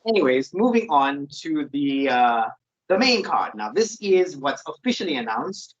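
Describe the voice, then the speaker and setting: On a wrestling predictions podcast, this male co-host rants and shares strong opinions in casual conversation. He speaks at a moderate pace in a slightly high, sing-song voice, and the recording sounds dull and lo-fi.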